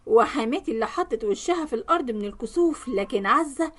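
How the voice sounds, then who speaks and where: A woman's voice: a little high, expressive, quick pace, a bit bright. An Egyptian woman narrating a dramatic first-person family story. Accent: Egyptian Arabic.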